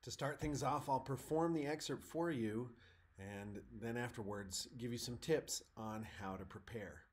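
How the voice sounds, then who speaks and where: A man's voice: mid-range voice, unhurried. Methodical male trumpet professor explaining. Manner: clear, methodical teacher's explanation; sings musical phrases in scat syllables to demonstrate. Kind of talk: instructional video on audition preparation.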